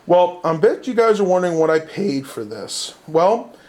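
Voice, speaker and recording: His voice sits high, sing-song and a little mellow, moving at a normal speed. At home, this vlogger chats unscripted with viewers in colloquial terms, thinking aloud while presenting his haul of vintage cassettes.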